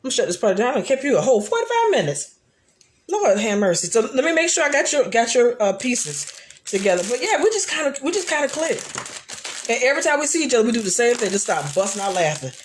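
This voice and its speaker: Loud, laughing woman chatting live. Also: fairly high pitch, fast talker. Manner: chatty and animated, frequent restarts. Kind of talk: casual live chat.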